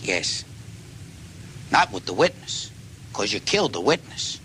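In a dramatic scene with noticeable background noise, a man plays a rumpled, dogged, deferential police detective closing in on a killer, firmly pressing his suspect. His sharp, keen-edged voice is exaggerated and sing-song, swinging widely in pitch. He muses haltingly in short, folksy phrases.

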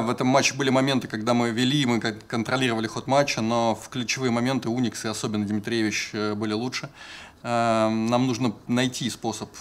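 A man's voice: medium pitch, a little hiss or hum. A man moderating a press conference and translating the coach's remarks in a businesslike way with fillers. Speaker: press officer and interpreter. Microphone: table mic.

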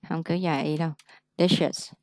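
A young woman tutoring English pronunciation one-on-one, correcting patiently and modelling words slowly. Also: sits low, steady tone, darkish tone, no room sound, clean studio sound.

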